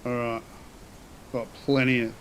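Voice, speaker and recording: A man's voice: mid-range voice, level tone, a little slow, a bit bright, slight background noise. A man giving casual, slangy live gameplay commentary, rambling as he thinks aloud. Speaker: game streamer.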